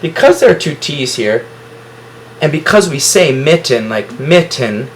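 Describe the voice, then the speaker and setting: A man's voice: a little high, big pitch swings, moderate pace, a little hiss or hum, low-quality recording. A man teaching a phonics lesson to a class, explaining syllables at the whiteboard and praising students often.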